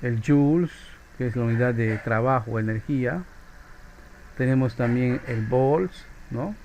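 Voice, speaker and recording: A man's voice: medium pitch, measured pace, a little mellow, muffled recording, slight background noise. Peruvian man lecturing a physics class. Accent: Peruvian Spanish. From Peru. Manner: chatty, ends phrases with a questioning "¿no?". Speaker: physics teacher.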